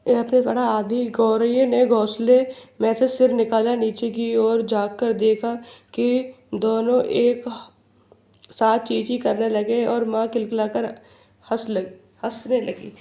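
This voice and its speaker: A woman's voice: fairly high pitch, vocal fry, mellow, echoey room. A woman teacher reads a textbook story aloud and then restates each line in simple words. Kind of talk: reading and explaining a textbook lesson.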